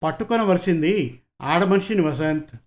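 A man voicing a calm, commanding male senior detective who speaks firmly and without hurry. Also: on the high side, natural voice. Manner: firm, emphatic, unhurried.

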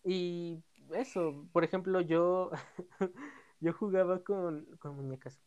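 A woman with a Mexican accent talks casually, hesitating and leaning on fillers as she searches for words. Her voice sits fairly low for a woman. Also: takes it slowly, a little mellow, lo-fi sound. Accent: Mexican Spanish. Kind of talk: casual chat.

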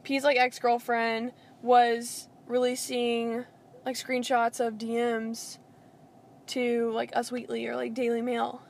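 A woman's voice: a little high, monotone, slow pace, creaky, a little mellow. A young woman co-hosting a casual pop-culture podcast, rambling with lots of filler words. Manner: rambling, filler-heavy with frequent "like". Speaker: podcast co-host.

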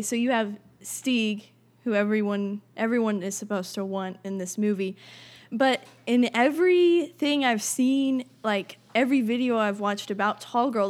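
A teenage girl close to graduating, joining a casual film chat. Her voice sits fairly high. She giggles and hedges, often trailing off mid-thought. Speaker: high school student guest. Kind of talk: casual chat about a movie.

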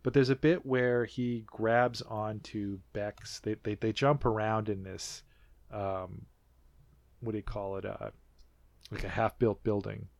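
Gravelly-voiced North American man chatting. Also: fairly low pitch, steady tone, measured pace, darkish tone, no room sound. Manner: rambling, many fillers and restarts, laughs often. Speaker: podcast co-host. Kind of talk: casual chat.

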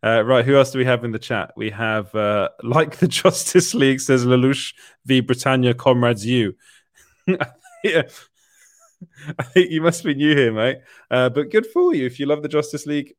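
A man's voice: mid-range voice, animated, moderate pace, no room sound, clean studio sound. A man hosting a casual live stream, reading chat comments aloud with lots of fillers and laughter. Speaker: livestream host reading chat.

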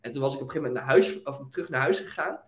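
A man's voice: mid-range voice, rapid-fire. Young man telling his story, echoey room. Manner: animated storytelling, laughs often, fillers like "weet je wel". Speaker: guest, business owner. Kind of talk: casual interview talk.

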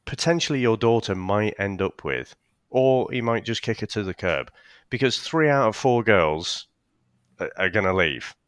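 A man's voice: lowish voice, lively intonation, normal speed, clear, resonant tone, dry recording. A man co-hosting a casual podcast, hesitant, with stammering restarts and casual swearing. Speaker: podcast co-host.

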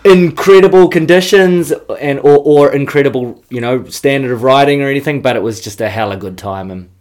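A man's voice: mid-range voice, brisk, darkish tone. A man from New Zealand with a New Zealand accent, chatting casually as a snowboarder guest in an interview, laid-back and slangy, swearing now and then.

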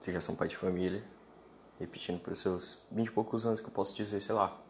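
Blunt lecturing deep-voiced man. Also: fairly even intonation, quick pace, a little hiss or hum. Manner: blunt, lecturing, addresses listener informally. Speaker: podcast host. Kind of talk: opinionated solo monologue.

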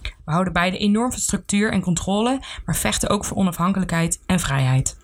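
A young woman reading her own first-person memoir aloud in an earnest, soft-spoken way. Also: lowish voice, animated, fairly quick. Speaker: narrator of her own story.

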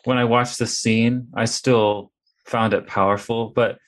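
Animated man hosting a podcast roundtable. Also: medium pitch, unhurried. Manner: animated, acts out quotes in a raised voice. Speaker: podcast host. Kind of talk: casual roundtable discussion.

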